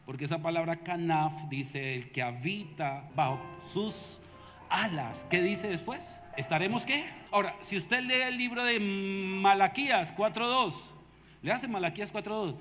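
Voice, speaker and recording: Pastor preaching in a hall. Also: male voice, on the high side. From Colombia. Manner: emphatic preaching, questions and commands to the congregation. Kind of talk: sermon. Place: large convention hall.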